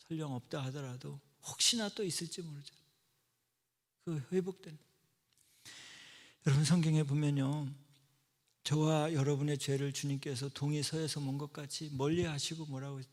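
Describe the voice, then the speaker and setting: A middle-aged male pastor preaching a sermon, telling stories and acting out quoted voices, swinging from loud outbursts to soft whispers. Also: a little high, steady tone, normal speed, long pauses. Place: church sanctuary. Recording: long church-hall reverb.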